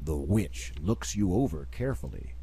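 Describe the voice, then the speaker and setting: A man's voice: sits low, very animated, normal speed, background noise. A man narrating a computer game in a dry, wry storytelling manner. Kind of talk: scripted narration.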